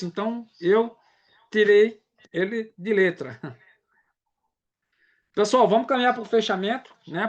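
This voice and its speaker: A man's voice: sits high, lo-fi sound. A man from Brazil, giving a casual live sales training and often checking in with his audience.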